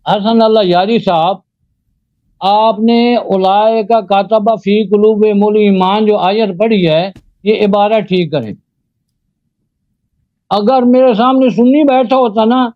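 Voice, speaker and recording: High-voiced man lecturing in a debate. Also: no echo, muffled recording. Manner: lecturing, correcting the opponent. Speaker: Sunni cleric debating. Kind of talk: live religious debate.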